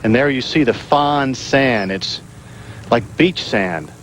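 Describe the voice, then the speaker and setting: A man's voice: medium pitch, slow, a bit bright, a little hiss or hum, rough recording. A man working as a golf analyst, explaining technique in a conversational commentary style.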